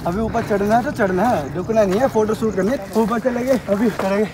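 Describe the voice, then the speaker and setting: Brief: excitable young man, high voice, breathless from climbing, outdoor phone audio with loud background noise. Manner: fast, excitable, joking banter. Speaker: vlogger. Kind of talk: casual outdoor vlog. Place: outdoors on a rocky hill.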